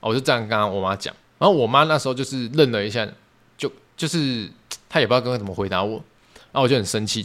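A young man with a Taiwanese Mandarin accent, hosting a podcast and telling a personal story in a fast, animated, emotional way. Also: lowish voice. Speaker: podcast host.

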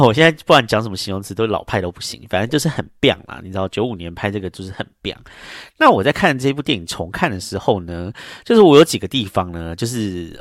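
A chatty podcast host, who wanders through his story with lots of fillers and restarts. His voice sits fairly low and sounds dry and close, with no room around it. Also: fairly bright tone, no echo. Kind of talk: casual podcast monologue.

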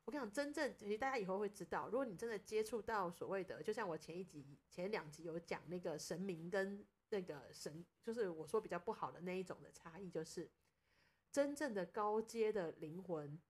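A young woman, hosting a podcast and telling a personal story in a casual, animated way, acting out what people said. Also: lowish voice, brisk, slightly rough. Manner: animated storyteller, acts out quoted speech. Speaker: podcast host.

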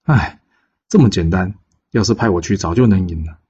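A man's voice: sits low, moderate pace, darkish tone, slightly rough. A man voicing a small, boastful male warrior who brags offhandedly. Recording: dull lo-fi recording.

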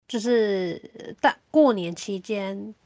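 A woman with a Taiwanese Mandarin accent, chatting casually as a podcast host and telling things in an animated, colloquial way. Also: medium pitch, slow, no echo, clean studio sound. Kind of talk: casual chat.

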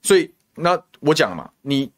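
A man's voice: fairly high pitch, big pitch swings, normal speed. A man with a Taiwanese Mandarin accent hosting a political talk show, venting in heated commentary full of rhetorical questions and insults. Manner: indignant, rhetorical, name-calling.

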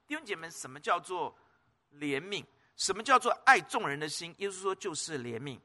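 A male pastor delivers a sermon in a high, bright voice that swoops up and down. He presses his points hard, repeats words and keeps asking the congregation questions. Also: very animated, a little fast.

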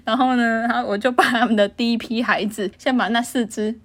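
A woman's voice: on the high side, brisk. A young woman with a Taiwanese Mandarin accent, chatting and telling a childhood story in a casual podcast. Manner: giggly, animated storytelling. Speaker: podcast co-host.

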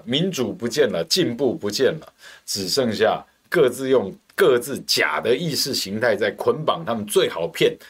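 A man's voice: mid-range voice, husky. Heated, scornful male political commentator. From Taiwan. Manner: heated, scornful, hammering rhetorical questions. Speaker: political talk show host.

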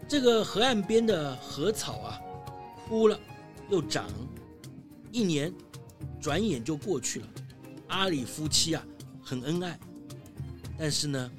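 Storyteller lady for kids, super animated, oohs and aahs, soft music behind. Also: mid-range voice. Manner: lively, exclaiming, full of fillers like 哎呦. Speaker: children's storyteller. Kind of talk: animated children's story narration.

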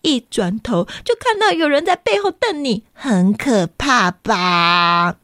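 A woman reading a picture book aloud to children, animated and playful, often asking them questions. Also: on the high side, slow pace, dry recording, studio quality. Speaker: storyteller.

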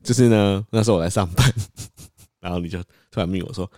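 A man, co-hosting a podcast in casual chat, teasing and leaping into high voices when quoting. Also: fairly quick, warm tone, no room sound, studio quality. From Taiwan. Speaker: podcast co-host.

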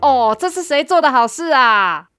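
A woman's voice: high-pitched, expressive, normal speed, pushed and bright, faint music behind. A woman voicing a small, curious beetle in a children's storybook, nosy and matter-of-fact.

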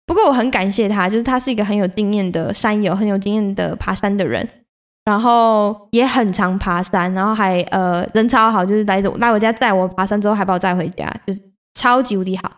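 A young woman hosting a podcast, telling stories in a casual, animated way, swearing freely and acting out her own outbursts. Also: medium pitch, a little fast. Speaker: podcast host. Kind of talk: casual solo storytelling.

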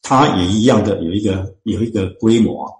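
A man, a church deacon and author, explains scripture in an interview, talking earnestly and slowly finding his words with many drawn-out fillers. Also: lowish voice, reverberant, rough recording. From Chinese-speaking, living in Canada.

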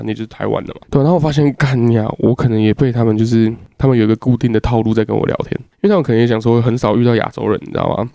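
A man's voice: medium pitch, mellow, no echo, studio quality. A young man from Taiwan telling a crude, rambling casual story as a podcast host, swearing often.

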